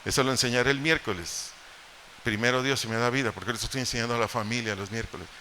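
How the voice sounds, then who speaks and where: In a church hall with echo and faint noise, a pastor with a Mexican accent preaches, posing rhetorical questions and slipping in humorous asides as he explains scripture. He talks rapid-fire at medium pitch, his tone bright and forceful.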